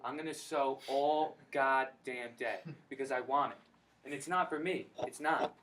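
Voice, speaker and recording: Energetic young man giving a testimony. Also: mid-range voice, measured pace. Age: young adult. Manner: energetic, slangy, storytelling. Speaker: speaker at a recruiting meeting. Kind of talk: motivational personal testimony. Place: room at a college meeting. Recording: distant mic, faint background noise.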